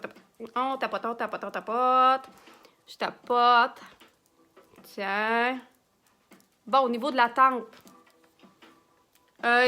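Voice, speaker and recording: A Québécois woman with a high, bright voice hosts a live makeup demonstration. She talks in a chatty way and answers viewer comments while she works. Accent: Québécois French. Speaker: makeup artist hosting a live stream.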